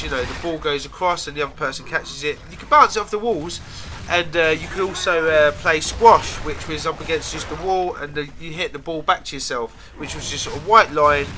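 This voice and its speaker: A man's voice: fairly high pitch, sharp tone, a little hiss or hum. A British man with a congested, nasal voice, as if his nose is pinched by a cold, chatting casually and slangily as he rambles over gameplay. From United Kingdom. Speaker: gaming video host.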